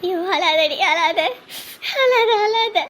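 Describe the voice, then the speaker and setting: A scolding, weary mother in a family drama, played by a woman. Her voice sits very high and she talks sternly. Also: slow, fairly bright tone, heavily acted. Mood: soothing. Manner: scolding, then soothing. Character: weary mother lecturing her indebted grown daughter. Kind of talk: family web drama acting.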